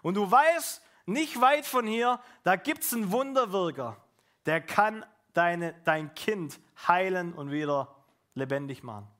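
A man with a high voice preaches a sermon. He talks to the congregation in a casual way, with lively asides and questions. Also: a little slow. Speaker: pastor.

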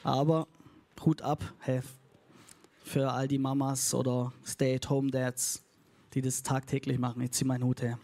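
A pastor with a medium-pitched, dark voice preaches at an unhurried pace and level tone. Before a congregation in a church hall, he delivers a casual, upbeat sermon, sprinkling in English phrases and leading call and response.

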